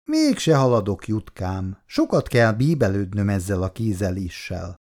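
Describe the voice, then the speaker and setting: A man reading aloud voices a gentle, hardworking older mother in a storybook, raising his voice a little and speaking mildly. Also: fairly low pitch, big pitch swings.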